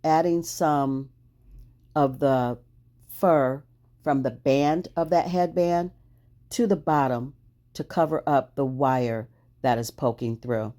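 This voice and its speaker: A woman's voice: very deep voice, takes it slowly, long pauses, warm tone. A woman hosting a crafting video, chatting cheerfully through each step and laughing at her own struggles. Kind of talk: casual crafting voice-over.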